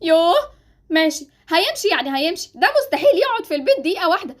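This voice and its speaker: An Egyptian woman acts out a fed-up housewife in a game drama, scolding and theatrical. She talks very fast on a high, lively voice. Faint music runs underneath. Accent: Egyptian Arabic. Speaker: channel creator voicing a game series.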